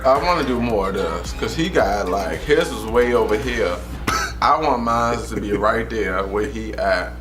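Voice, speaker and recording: A man's voice: fairly low pitch, animated, a little slow. A giggly, drunk-sounding man vlogging in casual, playful chat, rambling and repeating himself. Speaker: vlogger doing a drunk makeup challenge. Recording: music playing behind the voice.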